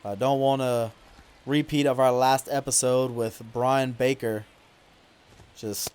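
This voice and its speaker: A man giving casual play-by-play commentary over his video game, mostly relaxed and now and then complaining loudly about calls. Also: medium pitch, slow pace, smooth. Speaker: gaming YouTuber.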